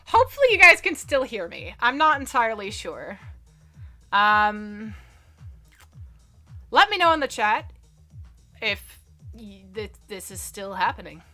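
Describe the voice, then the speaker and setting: Chatty bright-voiced woman streamer. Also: medium pitch, big pitch swings, unhurried, pauses often, faint music behind. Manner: chatty, filler-heavy, reads out viewer comments. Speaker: livestream entertainment news host. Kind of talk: casual live-stream chat.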